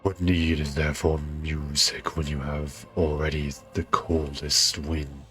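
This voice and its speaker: A man voicing an ancient, solemn male wolf lord who speaks slowly and quietly in a low, grave tone. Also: flat delivery, heavily acted. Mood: stern. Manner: slow, low, grave and hushed. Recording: faint music behind.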